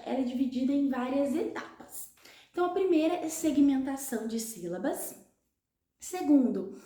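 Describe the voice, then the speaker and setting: A woman with a Brazilian Portuguese accent, a literacy educator explaining things to parents clearly, step by step. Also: sits high, a little mellow, roomy sound.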